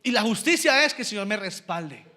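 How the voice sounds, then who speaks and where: A male pastor preaching emphatically, swinging between loud exclamations and hushed asides. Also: sits high, very animated, a little fast. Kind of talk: sermon.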